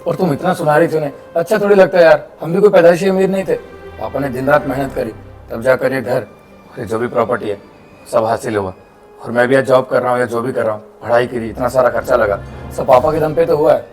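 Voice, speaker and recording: Fast-talking young man, calming tone. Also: mid-range voice, faint music behind. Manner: calming, pleading, talks fast. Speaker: actor in a short drama. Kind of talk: scripted skit acting.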